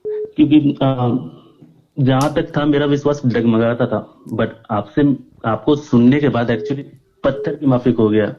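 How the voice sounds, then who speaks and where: A man from Jharkhand phoning in, answering politely and briefly. His mid-pitched voice comes through a dull, muffled line with a faint hiss behind it. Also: fairly even intonation, measured pace. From Jharkhand, India. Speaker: caller.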